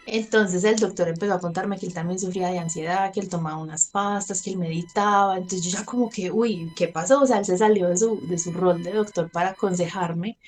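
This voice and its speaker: A woman's voice: fairly low pitch, steady tone, brisk, hardly any pauses, slight background noise. A Colombian woman in her thirties speaking openly in an interview, often laughing lightly and acting out what she said at the time. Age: 30s. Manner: candid, laughs between sentences, acts out her own past words. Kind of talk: personal testimony in conversation.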